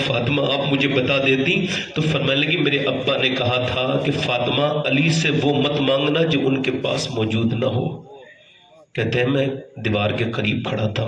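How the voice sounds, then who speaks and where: A man preaching a sermon as a story, fervent and rising to shouts at the high points. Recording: echoey, voice heard from afar.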